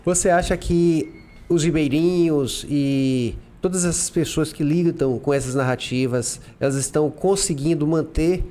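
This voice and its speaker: A man from Brazil hosting a podcast interview, asking calm questions and giving short backchannel replies. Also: on the high side, unhurried. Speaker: podcast host.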